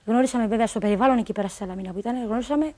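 A woman's voice: a little high, a little mellow. A woman telling a personal story on a talk show, rambling along, quoting what others told her and filling gaps with stock phrases.

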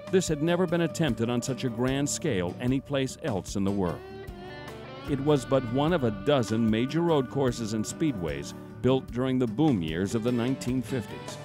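A man giving scripted documentary narration in a measured, formal storytelling manner. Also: medium pitch. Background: guitar music.

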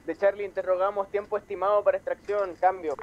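High-voiced man over a two-way radio. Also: little pitch movement, quick pace. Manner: clipped radio procedure talk. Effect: heard over a two-way radio. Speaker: team member calling in by radio. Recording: muffled radio transmission with faint noise.

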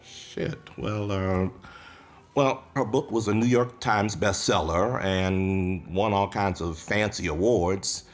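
A crude, joking bar regular. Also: male voice, low voice, slow pace. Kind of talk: film dialogue.

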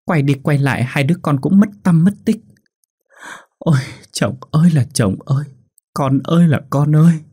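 A man's voice: on the low side, moderate pace, mellow, slightly rough, no echo, clean studio sound. A man voicing a grieving wealthy village wife who tells her story through tears and breaks into wailing for her husband and children. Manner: sobbing, pleading lament. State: crying.

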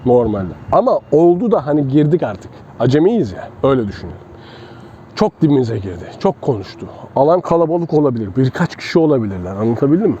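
A man's voice: mid-range voice, sing-song, fast talker, mellow. A man, a self-defense instructor talking casually to his students while he demonstrates moves with a partner. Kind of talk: casual outdoor training demonstration. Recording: dull lo-fi outdoor sound with faint traffic.

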